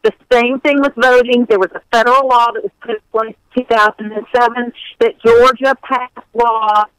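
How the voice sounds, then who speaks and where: A woman calling in to a radio show on her cell phone while the connection breaks up. She answers in a firm, brisk way. Her voice comes through smooth but sounds pulled away from the mic. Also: fairly high pitch, fairly even intonation, a bit bright, no room sound. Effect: cell phone line breaking up. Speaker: campaign outreach director.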